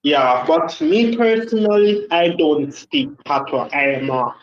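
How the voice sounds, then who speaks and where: A Jamaican man calls in to a live show and chats casually, rambling with lots of hesitations. His voice is fairly high and a touch slow, coming through an echoey, muffled phone line.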